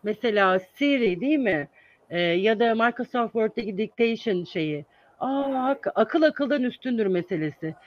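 A man's voice: high-pitched, no echo. Brief: male teacher, earnest and explanatory, hesitant fillers, muffled dry recording. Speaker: English teacher guest. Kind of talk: interview answers, explaining. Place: lives in the United States. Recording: dull, dry sound.

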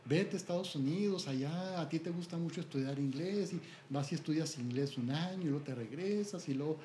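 A worried Mexican mother, anxious and pleading, her voice raised higher than usual, put on by a man telling his story. The voice sounds mellow. It is heard in an echoey room. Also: brisk, a little hiss or hum, lightly acted. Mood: fretful. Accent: Mexican Spanish. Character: worried anxious mother, middle-aged woman.

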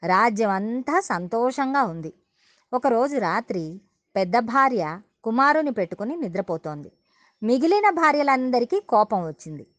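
Lady telling a devotional story, slow and reverent, very dry close sound. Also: fairly high pitch, big pitch swings, no echo.

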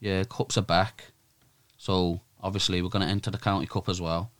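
A man's voice: low voice, flat delivery, moderate pace, no echo, studio quality. A man with a British urban roadman accent, chatting casually and emphatically in heavy street slang as a football manager being interviewed. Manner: roadman slang, emphatic, repeated "bruv" and "innit". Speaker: Sunday league football team manager, interview guest. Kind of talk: casual, animated chat.

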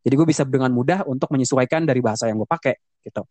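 A young Indonesian man co-hosts a casual bilingual podcast, switching between Indonesian and English with lots of fillers and restarts. His medium-pitched voice is a little mellow and races along. There is no room sound.

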